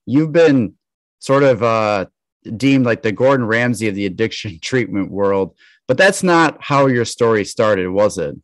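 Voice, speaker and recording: A man hosting a podcast, earnest and measured, a bit halting when asking questions. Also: on the low side, expressive. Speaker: podcast host. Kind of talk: podcast intro and interview.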